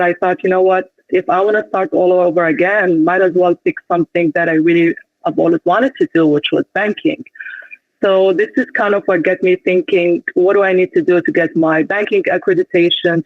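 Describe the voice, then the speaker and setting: A woman talks through her answers as an interview guest, thoughtful and pausing now and then. Her voice comes over a thin, phone-like line with no room sound around it. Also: on the low side, no room sound. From Syria. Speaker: guest, business consultant. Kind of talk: interview conversation. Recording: tinny phone-like call line.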